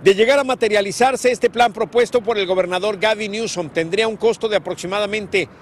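A man reporting a news story as a television correspondent, in a measured scripted delivery. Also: high-pitched, slight background noise.

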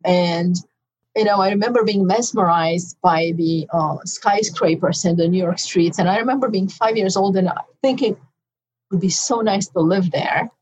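A woman's voice: medium pitch, moderate pace, darkish tone, slight background noise, poor audio. A middle-aged woman with a Romanian accent, a physician guest recalling her past in an interview in a reflective, storytelling way. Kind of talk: interview conversation.

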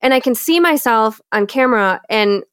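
A woman's voice: a little high, lively intonation, normal speed, smooth, no room sound, studio quality. A woman with a Great Lakes accent from Michigan, interviewing in a casual, candid, self-reflective way. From Michigan, United States. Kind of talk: casual, personal conversation.

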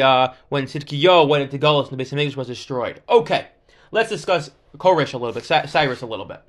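High-pitched man teaching a Talmud class. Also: a bit bright. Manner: explanatory, stop-and-start, poses questions and answers them.

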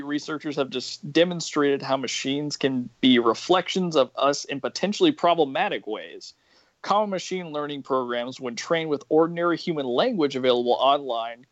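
A man's voice: mid-range voice, no echo. Man co-host reading news, slightly dull sound. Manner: reads stories aloud, then comments. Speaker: podcast co-host. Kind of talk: casual chat and reading news stories.

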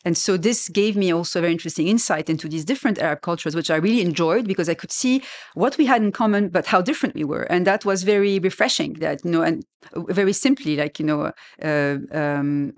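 A woman's voice: on the low side, fast. A middle-aged woman from Lebanon talks as an interview guest, weighing each thought. She hesitates often, fills gaps with small fillers and restarts her sentences as she reflects.

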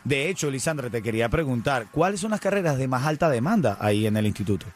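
A man hosting a morning radio show, energetic and playful. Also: mid-range voice, fast, faint music behind. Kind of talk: lively radio banter.

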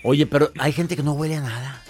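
A man's voice: fairly high pitch, steady tone, a little fast, a little mellow. A man hosting a radio call-in show, teasing and joking with guests in playful chat. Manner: teasing, jokey, talks over others. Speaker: radio host.

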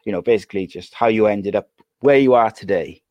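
A man's voice: lowish voice, fairly quick, dry recording, dull audio. A man hosting a podcast, asking a guest loose, informal questions. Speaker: podcast host. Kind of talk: casual podcast interview.

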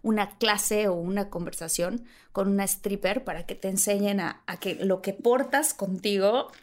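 A woman with a Mexican accent telling an animated anecdote in a casual chat, laughing often and jumping high to act out the voices of the people she quotes. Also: moderate pace. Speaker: guest.

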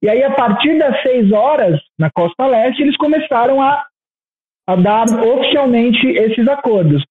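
Tinny, halting Brazilian man on remote link. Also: very high voice, animated, slight background noise. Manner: halting, hesitant delivery. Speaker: podcast co-host. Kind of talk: casual explanatory commentary. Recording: tinny narrow-band remote connection.

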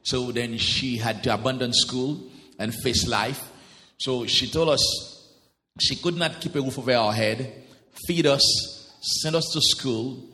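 A man's voice: medium pitch, steady tone, unhurried, bright, forceful tone, in a large hall. A man in his late thirties from Haiti, a guest pastor telling his life story in church. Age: 30s. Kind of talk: interview testimony in church.

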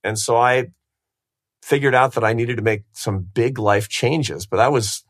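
A man's voice: mid-range voice, a little slow. A man in his fifties hosting a podcast, telling his story in a reflective, self-deprecating way. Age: 50s. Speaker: podcast host.

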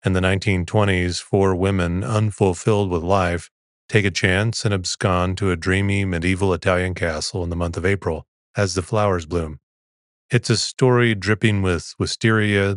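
A man with a soothing, calm and unhurried delivery, reading scripted narration as a podcast host. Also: low-pitched, no room sound, clean studio sound.

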